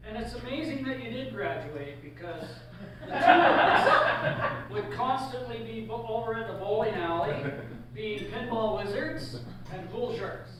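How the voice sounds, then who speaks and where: Older man, high voice, dry self-mocking jokes, echoey hall, distant mic, loud noise. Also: big pitch swings, measured pace. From Canada, British Columbia. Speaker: roast speaker, old school friend. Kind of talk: joking roast speech. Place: event hall.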